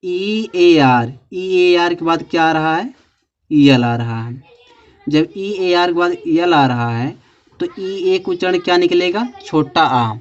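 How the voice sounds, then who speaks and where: A man teaching a pronunciation lesson, posing questions and answering them himself and spelling out letters slowly. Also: a little high. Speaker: English teacher. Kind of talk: classroom-style pronunciation lesson. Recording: dull lo-fi recording.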